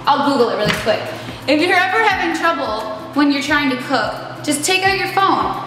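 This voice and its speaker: A woman's voice: high voice, lively intonation, a little fast. Chatty young woman in an echoey kitchen. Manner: chatty, exclaiming, self-mocking. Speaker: vlogger cooking in her kitchen. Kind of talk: casual cooking vlog. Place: home kitchen, indoors. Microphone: camera mic, medium distance. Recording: echoey kitchen with background music.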